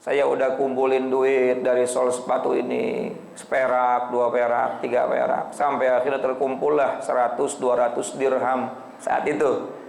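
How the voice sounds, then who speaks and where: Preacher doing a poor gentle cobbler guy, gravelly, echoey room. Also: medium pitch, completely flat delivery, a little slow, a little hiss or hum, voice pushed down. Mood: earnest. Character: humble poor male cobbler, gentle and earnest. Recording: echoey hall.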